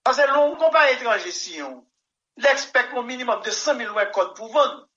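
Bright-voiced man, rambling. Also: very high voice, expressive, moderate pace. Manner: rambling, emphatic, keeps saying "mon cher". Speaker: musician guest. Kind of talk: interview answers. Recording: dull lo-fi recording.

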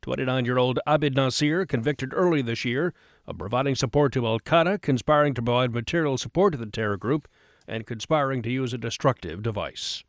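A man reads radio news from a script. His voice sits at a middle pitch, recorded dry and close with no room sound. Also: a little fast, dry recording. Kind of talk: scripted news bulletin reading.

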